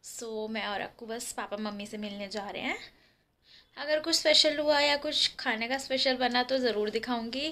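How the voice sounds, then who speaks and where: Young woman vlogger from Delhi, bright, slightly high voice, chatty, talking close to a handheld phone. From Delhi, India. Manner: chatty, earnest, addresses viewers as guys. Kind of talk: casual vlog to camera. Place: indoors at home, face close to a handheld camera. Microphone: phone held at arm's length.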